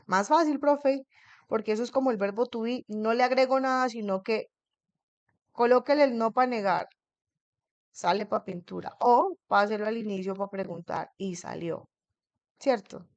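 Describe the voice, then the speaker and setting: A woman's voice: on the high side, moderate pace, no room sound, muffled recording. A woman teaching an English grammar lesson in a classroom. She keeps checking in with her students and asks them questions.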